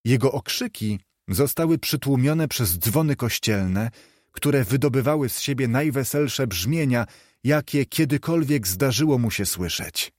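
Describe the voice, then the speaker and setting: A man reading an audiobook aloud in a lively, expressive way. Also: mid-range voice, a little slow, no room sound, clean studio sound. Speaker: audiobook narrator. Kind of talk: scripted narration.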